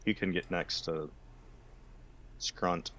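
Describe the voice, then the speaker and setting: A man's voice: sits low, steady tone, takes it slowly, bright, forceful tone, slight background noise. A man playing a tabletop game, chatting casually and hesitantly. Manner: hesitant, searching for words. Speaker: player.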